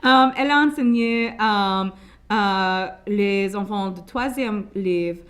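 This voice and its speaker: A woman's voice: mid-range voice, takes it slowly, a bit bright. A woman in her twenties from Louisiana, speaking casually as an interview guest with a Cajun Louisiana French accent and frequent hesitations. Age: 20s. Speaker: interview guest, French studies graduate student.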